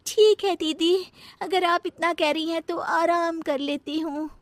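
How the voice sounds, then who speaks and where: A woman's voice: extremely high pitch, fairly even intonation, unhurried, dry recording. A woman voicing a lazy, cunning younger daughter-in-law in a family comedy cartoon, with a whiny, sarcastic, defiant manner. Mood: feigned sweetness. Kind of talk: acted Hindi family comedy story.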